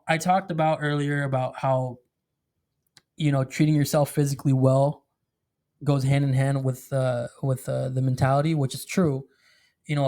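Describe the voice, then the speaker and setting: A man's voice: mid-range voice, darkish tone. A man talking as a podcast guest, telling his story in a candid, casual way with many fillers and restarts. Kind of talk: candid conversational interview.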